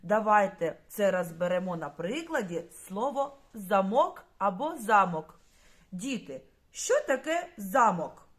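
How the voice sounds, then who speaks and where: A woman's voice: medium pitch, big pitch swings, measured pace, hardly any pauses. A woman teaching a primary school lesson, speaking patiently and addressing the children directly.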